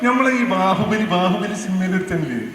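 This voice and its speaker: Speaking with a Malabar Malayalam accent, a skit actor on a stage in a large hall plays a boastful, bossy senior air traffic officer, bragging and stammering over repeated words. His voice is high-pitched and fairly bright, with lively intonation and a brisk pace. The hall is echoey, with faint noise.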